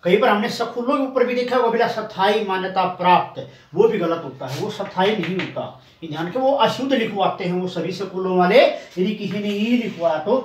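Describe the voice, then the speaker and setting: A man teaching a Hindi spelling lesson, explaining step by step and drawing out each syllable slowly. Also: high-pitched. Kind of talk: classroom spelling lesson at a board. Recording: echoey room, far from the mic, faint noise.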